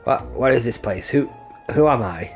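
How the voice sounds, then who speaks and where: A man voicing a confused, timid amnesiac boy in a video game, asking halting, bewildered questions. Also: medium pitch, expressive, soft background music, natural voice.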